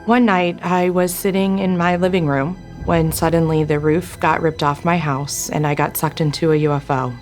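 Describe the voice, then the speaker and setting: A woman's voice: low-pitched, level tone, moderate pace, hardly any pauses, faint music behind. A woman telling her story in a matter-of-fact, mildly exasperated way for a mock testimonial. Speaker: interviewee.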